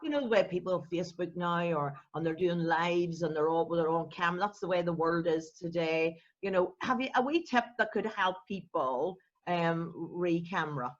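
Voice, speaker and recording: A woman's voice: lowish voice, normal speed, few pauses, highs cut off. A woman hosting an interview show, bubbly and enthusiastic, laughing easily. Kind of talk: casual interview. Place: home, over a video call.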